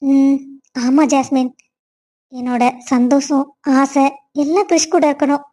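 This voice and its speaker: A woman's voice: high voice, steady tone, a little slow, warm tone. A woman voicing a scheming, stern middle-aged stepmother in a cartoon story, who scolds and gives orders. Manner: bossy, scolding.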